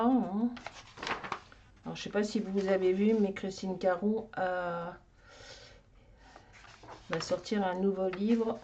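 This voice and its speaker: A woman in a casual craft vlog, talking slowly and rambling as she searches. Her voice is fairly low and mellow. The recording is dull, with a faint hiss behind it. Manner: rambling, talks to herself while searching. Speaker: craft vlogger. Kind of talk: casual show-and-tell chat.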